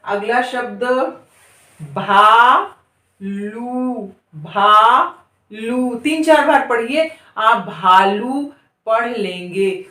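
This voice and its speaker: Slow, echoey woman teaching reading. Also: medium pitch, a bit bright, distant mic. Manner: stretches long vowels, repeating each word several times. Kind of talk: slow, drawn-out spelling lesson for beginners.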